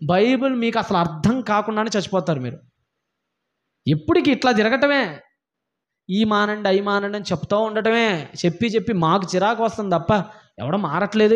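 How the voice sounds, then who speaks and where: A man's voice: high-pitched, lo-fi sound. A man preaching a sermon, scolding his listeners and firing repeated rhetorical questions at them. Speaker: pastor.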